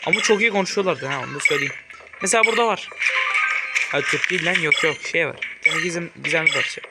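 A young man from Turkey, chattering through a horror game and yelping when something jumps out at him. His voice sits a little high for a man. Loud game music plays under everything he says. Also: quick pace. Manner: excitable, joking, swears and yelps at the game. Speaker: gaming YouTuber. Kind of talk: casual horror game commentary.

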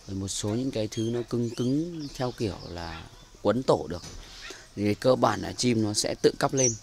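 A man's voice: lowish voice, a little mellow, slight background noise. A man with a Northern Vietnamese accent giving a chatty, filler-heavy walkthrough of his bird aviary outdoors, recorded on a handheld camera. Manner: chatty, many fillers and repeated words. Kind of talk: casual walkthrough narration. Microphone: handheld camera mic.

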